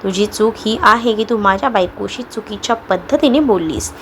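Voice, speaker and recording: A woman voicing a devoted young husband in a read-aloud audio story, speaking softly with pleading, soothing tones. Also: high voice, normal speed, slight background noise. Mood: stern. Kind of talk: Marathi audio story reading.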